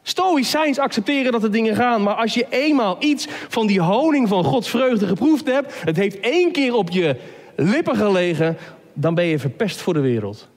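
A male preacher with a high voice delivers an impassioned sermon, rising to urgent pleas and dropping to near-whispers. He stumbles into repeated words as he searches for the next phrase. His voice rings out with a long hall reverb behind it. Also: lively intonation, normal speed. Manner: impassioned, swinging between loud pleas and hushed near-whispers; repeats words in stammered restarts.

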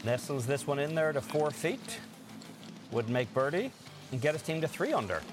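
A man giving golf commentary and analysis as a co-commentator, in a measured, analytical way. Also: on the high side, animated, over music.

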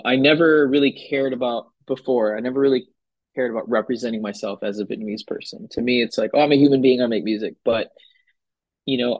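A young man from Hawaii talks easily in a casual interview, his voice slightly husky and breathy. The sound is close and dry. His speech wanders loosely, full of fillers. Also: lowish voice, no echo, poor audio. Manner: relaxed, loose, filler-heavy talk. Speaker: guest musician. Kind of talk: casual conversation.

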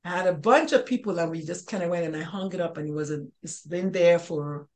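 Rambling older woman guest, low-pitched. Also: a little fast. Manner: rambling, many restarts and fillers. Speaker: guest, pediatrician and life coach. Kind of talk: interview conversation.

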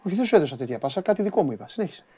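A man's voice: high-pitched, big pitch swings, warm tone, husky. A man co-hosting a casual studio chat, dry and needling, brushing topics off with short remarks. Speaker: co-host.

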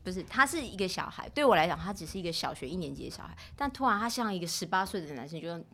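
Fast-talking middle-aged woman. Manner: expressive, acts out quoted speech with rising pitch. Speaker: podcast guest, mother of two sons. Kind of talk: casual storytelling chat.

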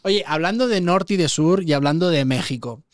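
Male host, fairly high voice, curious interviewer, dry close mic. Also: moderate pace, dry recording. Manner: curious, asks open questions. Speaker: podcast host. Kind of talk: casual podcast interview.

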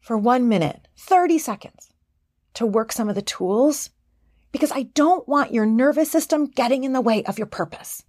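A middle-aged woman hosting a motivational podcast as a life coach, earnest and encouraging, sometimes bursting with excitement. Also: a little high, normal speed, no room sound, studio quality. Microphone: podcast microphone.

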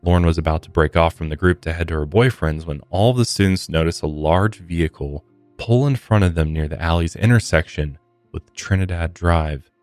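The recording is dry, capturing a low-pitched, slightly mellow American man talking fairly quickly. He hosts a true crime podcast, moving somberly from scripted storytelling to casual commentary while faint music plays.

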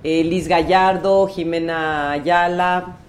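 A woman, an actress and playwright guest, chatty and quick to chime in. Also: lowish voice, steady tone. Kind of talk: casual talk-show chat.

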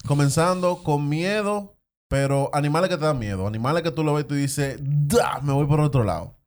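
A man's voice: fairly high pitch, normal speed. A man with a Dominican accent hosting a casual, slangy group chat in a playful, teasing way. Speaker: podcast host.

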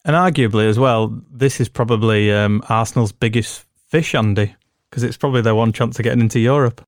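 Man, podcast host, casual football chat, dry close sound, steady questions. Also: mid-range voice, brisk, no room sound.

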